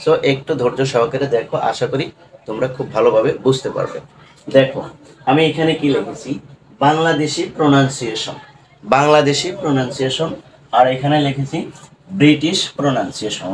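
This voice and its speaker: A man with a Bangladeshi accent and a mid-range voice teaches an online lesson over a rough recording with a bit of hiss or hum. He explains patiently and slowly, leaning on repeated fillers and tag questions to keep checking in.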